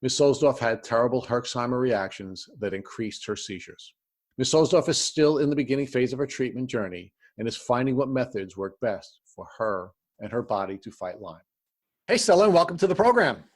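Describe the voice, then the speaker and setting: A man's voice: medium pitch, expressive, fairly quick. A man hosting a podcast, reading a formal guest introduction and then asking interview questions. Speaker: podcast host.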